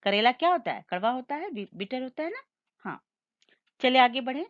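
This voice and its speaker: A woman teaching a Hindi lesson, reading out word lists slowly and clearly, asking listeners to repeat each word after her. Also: high voice, very animated, no echo, muffled recording. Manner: slow, clear, drilling word lists aloud for repetition. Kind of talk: online classroom lesson.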